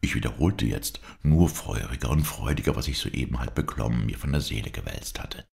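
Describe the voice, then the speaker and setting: A man narrating a classic story as an audiobook in a measured, dramatic way. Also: rumbling low, animated, gravelly, darkish tone. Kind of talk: scripted first-person narration of a classic story.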